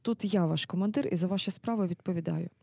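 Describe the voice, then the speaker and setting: A stern military-hospital nurse in an audio drama, firm and scolding yet caring. Her voice is mellow and dark in tone, recorded dry and close. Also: on the low side, fast talker, vocal fry, no room sound. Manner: firm, scolding, matter-of-fact. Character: strict night-shift nurse, commanding, caring.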